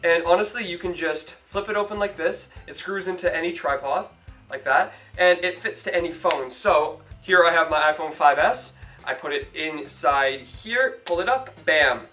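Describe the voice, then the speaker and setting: A man's voice: on the high side, normal speed, bright, forceful tone, faint music behind. A young man from Toronto, an actor, giving chatty hands-on advice in a casual how-to vlog, filmed at home. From Toronto, Canada. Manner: upbeat, chatty, hands-on demonstrating. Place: home room in front of a hung sheet.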